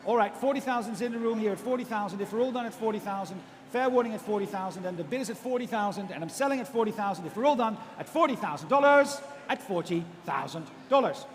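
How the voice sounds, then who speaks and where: Male auctioneer, high voice, chanting numbers and courteous bid prompts at speed; long room reverb. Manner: rapid, repetitive chanting of figures with polite prompts to bidders. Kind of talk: live auctioneer's bid calling.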